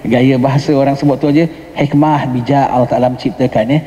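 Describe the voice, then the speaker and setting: A religious teacher lectures on a religious text in a mosque hall, his medium-pitched voice mellow and steady though he talks fast. He has a Johor Malay accent, explains patiently, uses some English words, and asks the listeners "ha?". The sound is lo-fi with a long hall reverb.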